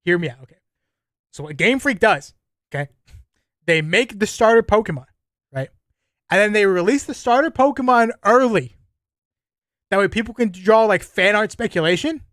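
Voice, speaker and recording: Young male streamer, high and dry, excitable slang reaction chatter. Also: moderate pace, long pauses, dry recording. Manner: excitable, slangy, talks to chat. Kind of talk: casual reaction commentary.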